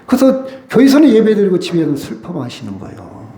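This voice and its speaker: A man's voice: sits high, huge pitch swings, fast, mellow, echoey room. A man preaching a sermon as pastor, emphatic and asking the congregation questions. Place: church sanctuary.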